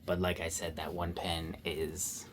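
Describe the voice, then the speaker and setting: A man's voice: sits low, little pitch movement, a little slow, background noise. A young man giving casual, rambling commentary while he draws, joking and poking fun at himself. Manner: rambling, self-mocking and goofy. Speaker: art vlogger.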